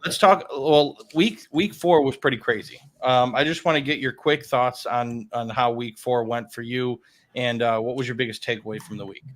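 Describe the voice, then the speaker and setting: A man's voice: mid-range voice, fairly even intonation, normal speed. A man hosting a casual sports podcast, upbeat and chatty, laughing easily with his co-host.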